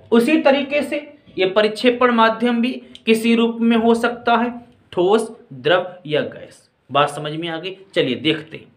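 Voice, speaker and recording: In an echoey room, a man teaches chemistry lecture-style, breaking things down point by point and repeatedly checking that the class is following. His voice is higher than usual and a bit bright, and he addresses the students as children and friends.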